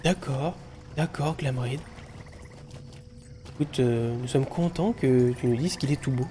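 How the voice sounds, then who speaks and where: A man's voice: medium pitch, a little slow, mellow, faint music behind. A man hosting a game video, chatting, joking and thinking aloud as he plays. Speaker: let's play host. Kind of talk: casual gameplay commentary.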